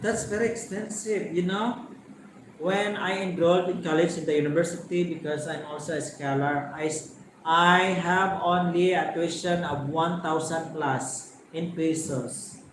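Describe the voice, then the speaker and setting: Filipino man, 40s, Filipino accent, casual host chat, slow reflective pace, very echoey room, faint background hiss. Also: fairly high pitch, steady tone. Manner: unhurried, reflective storytelling in English.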